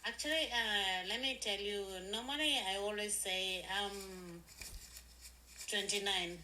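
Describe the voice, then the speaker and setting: A woman's voice: medium pitch, takes it slowly, bright, forceful tone, a little hiss or hum, low-quality recording. A woman in her forties chatting casually on a live stream, effusive and repeating herself, talking into her phone. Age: 40s.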